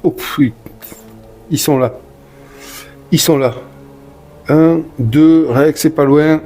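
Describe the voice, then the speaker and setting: A man's voice: fairly high pitch, takes it slowly, dark tone, faint music behind. A man casually commenting on a solo board game he plays, reading cards aloud and talking to viewers with muttered asides. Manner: chatty, talks to viewers, mutters asides and sighs over bad luck. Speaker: solo board game player and channel host.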